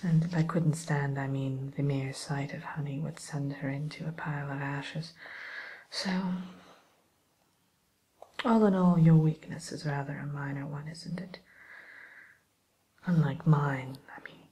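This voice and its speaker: A wicked green witch played by a woman tutors a pupil in an ASMR roleplay. The voice is a low, breathy whisper, very unhurried and hesitant. The manner is genteel and vain, with a sly, polite condescension. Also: fairly even intonation, warm tone, slight background noise. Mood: sly, advising.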